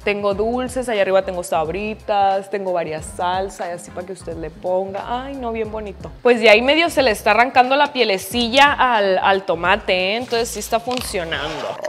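A cooking vlogger with a Mexican accent chats casually while cooking in her home kitchen, filmed on a phone camera, mocking herself and swearing freely. She speaks at medium pitch and normal speed with hardly any pauses. The sound seems to be in a large hall, with soft background music.

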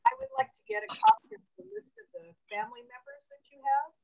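Very high, gravelly-voiced woman. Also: sing-song, fast talker, a little mellow, dry recording, low-quality recording. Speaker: audience member and cousin. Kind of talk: question on a video call.

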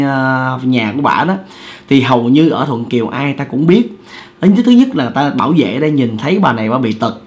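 A man's voice: mid-range voice, a little mellow. Man casually telling a ghost story. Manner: conversational, repetitive, addresses listeners directly. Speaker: storyteller host.

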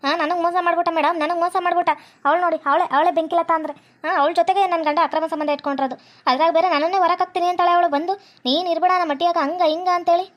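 A woman's voice: very high voice, steady tone, rapid-fire. A woman with a North Karnataka Kannada accent playing a wronged wife who complains and pleads in a whining way. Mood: aggrieved.

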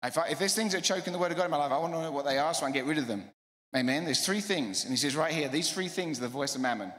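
A middle-aged man preaches with emphatic, rapid-fire energy, stacking repeated phrases. His voice sits a touch high. It rings through a roomy church hall with a long tail of reverb. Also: expressive, a bit bright. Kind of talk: sermon.

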